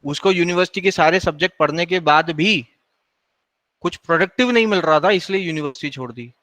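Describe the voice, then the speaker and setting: A man's voice: fairly high pitch, a little fast, fairly bright tone, no echo, rough recording. A male university lecturer in a classroom, scolding and lecturing his students in a mix of Hindi and English.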